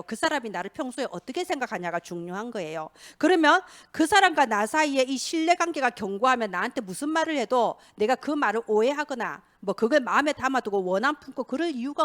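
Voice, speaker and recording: High-voiced woman preaching. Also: a bit bright. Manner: preaches with acted-out quotes and rhetorical questions. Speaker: pastor. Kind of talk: sermon. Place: church.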